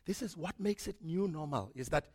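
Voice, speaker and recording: High-pitched pastor guy preaching slow and dramatic, loud then hushed, lots of hall reverb. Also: animated, slightly rough. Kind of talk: sermon. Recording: long reverb of a large hall.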